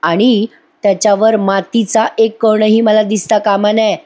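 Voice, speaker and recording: A woman's voice: mid-range voice, flat delivery, a little slow, darkish tone, natural voice. Woman doing a stern scolding grandmother. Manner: scolding, commanding. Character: stern elderly grandmother, head of household.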